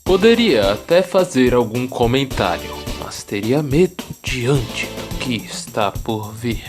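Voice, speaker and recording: Slow, ominous male commentator, acted by a man. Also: mid-range voice, expressive. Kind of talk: theatrical radio drama narration. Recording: music under the voice.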